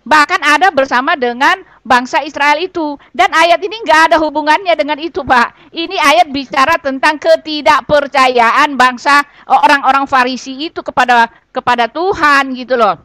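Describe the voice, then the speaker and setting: Earnest high-voiced woman debating online. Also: moderate pace, pushed and bright, no echo, clean studio sound. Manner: earnest, explaining, repeats "Pak" and "gitu loh". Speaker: debate panelist answering a question. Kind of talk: online debate on Bible verses.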